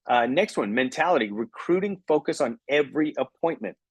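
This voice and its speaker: A middle-aged man giving an energetic coaching talk on recruiting, often checking in with "okay?". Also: medium pitch, fairly quick, slightly rough, no echo. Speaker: recruiting trainer. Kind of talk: motivational training talk.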